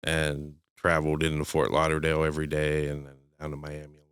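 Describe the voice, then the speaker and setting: Deep flat-voiced man, smooth. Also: brisk, dry recording, clean studio sound. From Pittsburgh area, US. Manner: hesitant, repeats words at starts. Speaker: podcast guest, author. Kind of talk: casual interview chat.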